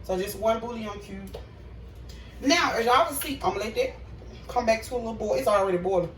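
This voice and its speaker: Recorded on a distant phone camera in an echoey home kitchen, a cooking vlogger chats casually and addresses her viewers as y'all. Her voice is a little high and brisk, with slight background noise.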